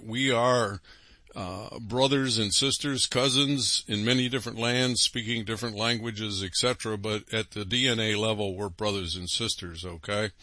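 A male radio host preaches emphatically on a religious broadcast, throwing out rhetorical questions and frequent asides. His voice is lowish, bright and forceful, with no echo.

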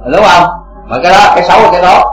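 A man's voice: sits high, racing, roomy sound, rough recording. A man teaching Buddhist dharma to a congregation, asking rhetorical questions again and again.

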